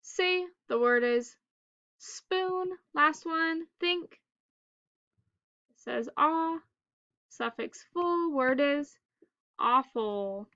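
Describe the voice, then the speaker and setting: A woman teacher leading a phonics drill for children in staccato, clipped single words with pauses between them. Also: high-pitched, expressive, sharp tone, no room sound, dull audio.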